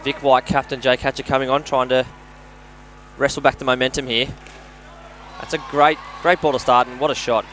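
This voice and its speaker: An Australian man commentating on a live match, analysing play in a measured way like a coach. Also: medium pitch, level tone, fairly bright tone, a little hiss or hum. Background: indoor sports venue with games nearby.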